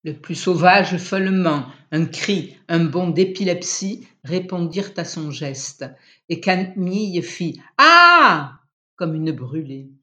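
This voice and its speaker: Slow, measured literary narrator. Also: medium pitch. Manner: measured, unhurried storytelling. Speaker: audiobook reader.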